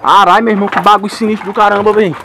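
A breathless young man, talking high and fast as he leads a night exploration vlog. He is tense and excited, swearing freely and calling out to his viewers. His handheld camera mic picks him up outdoors with a faint noise behind him. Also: vocal fry. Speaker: paranormal vlogger. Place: dark ruined house outdoors at night.

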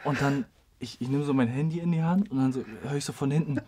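A man's voice: medium pitch, fast. A man in a podcast studio, retelling a story in casual, slangy chat and laughing as he talks. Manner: animated retelling, slangy, laughing while talking. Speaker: podcast guest. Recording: noticeable background noise with clicks.

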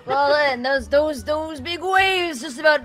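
A woman voicing a gruff, bossy pirate first mate in a tavern, with drawn-out piratical words. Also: sits high, fairly bright tone, soft background music. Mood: ominous. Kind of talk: improvised comic role-play.

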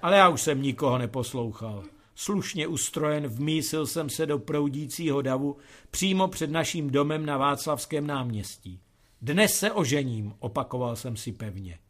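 A man reading a humorous story aloud with dry, deadpan delivery. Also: fairly high pitch. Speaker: reader of humorous stories.

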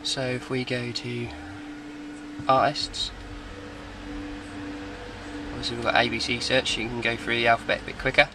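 This car audio installer walks through a product demo casually and matter-of-factly, unscripted, around a parked car. He speaks at medium pitch and normal speed with a flat delivery, pausing often, while background noise carries on.

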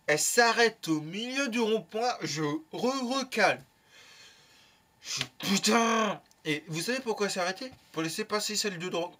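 Young male vlogger, bright and a bit high, tells a rambling anecdote full of slang and curses. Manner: lively, slangy, swears freely. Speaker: YouTuber. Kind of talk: casual storytelling.

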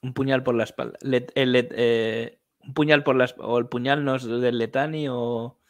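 A man, co-hosting a relaxed livestream, playful and quick to laugh as he reads out suggestions. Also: medium pitch, dry recording. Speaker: podcast co-host. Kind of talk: casual chat on a livestream.

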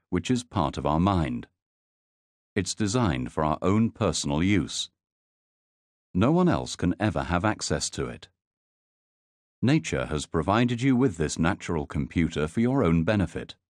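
A man reading a guided sleep hypnosis in a slow, soothing, measured way. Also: low voice, darkish tone, dry recording, clean studio sound.

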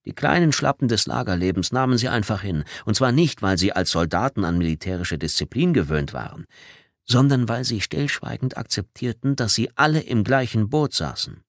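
A man reading a novel aloud as an audiobook, with measured, dramatic storytelling. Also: on the low side, expressive, no echo, studio quality. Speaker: audiobook reader. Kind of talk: scripted audiobook narration. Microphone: studio microphone.

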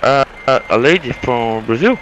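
Bright-voiced non-native man chatting haltingly. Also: mid-range voice, lively intonation, highs cut off, a little hiss or hum. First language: not English. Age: late 20s. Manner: halting, repeats yes often. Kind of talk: casual voice chat while gaming.

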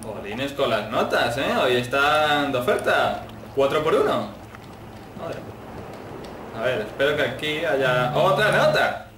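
A man from commenting casually on a horror game, excitable, swearing and yelling at it. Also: medium pitch, measured pace, echoey room, distant mic, slight background noise. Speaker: gameplay commentator.

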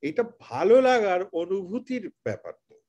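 A man's voice: high voice, very animated, moderate pace, darkish tone, highs cut off. Earnest man explaining on a video call. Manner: earnest, explaining with rhetorical questions. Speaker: teacher trainer. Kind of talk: online training session.

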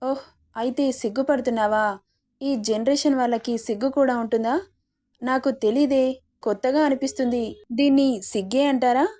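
A woman's voice: high-pitched, fairly even intonation, normal speed, mellow, lightly acted. A woman voicing a domineering, possessive young man who taunts and threatens. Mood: taunting.

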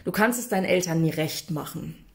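A woman's voice: on the low side, a little fast, gravelly. A woman coaching viewers in a casual, direct-to-camera advice talk, chatty and emphatic, often tagging her sentences with a questioning "ne?". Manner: addresses viewers directly and informally. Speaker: coach for people affected by narcissistic abuse.

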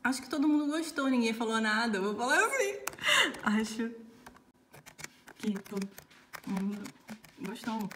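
A woman's voice: fairly high pitch, normal speed, long pauses, slight background noise. A young woman, a bride chatting casually for her vlog and laughing often. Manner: giggly, laughs often, animated. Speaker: bride and vlogger.

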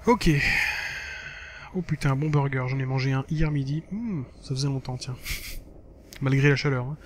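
A man with a mid-range voice, speaking at normal speed, gives casual commentary for a gaming video while reading a blog aloud. He rambles, corrects himself, and swears now and then. There is a little hiss or hum.

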